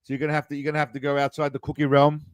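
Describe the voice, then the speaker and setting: A man's voice: a little high, monotone, very fast, clean tone, dry recording. A tipsy man hosting a casual livestream quiz, rambling, swearing and reading answer options aloud. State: tipsy, self-described as wasted. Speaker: streamer running a quiz.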